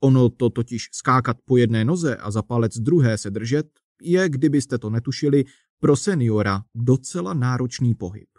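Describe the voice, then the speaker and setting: A man narrating a humorous story aloud in a wry, even manner. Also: mid-range voice, no room sound, clean studio sound.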